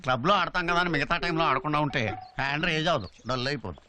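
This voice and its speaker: Rapid, animated comedy skit performer. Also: medium pitch, noisy background. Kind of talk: acted comedy skits.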